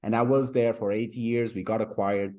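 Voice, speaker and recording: A man's voice: fairly low pitch, steady tone, moderate pace, mellow. Man, friendly and stumbling. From Portugal. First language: Portuguese. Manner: friendly, repeats words as he searches for phrasing. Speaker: startup co-founder guest. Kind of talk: interview on a video call. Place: home room by a large window. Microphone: webcam on a video call.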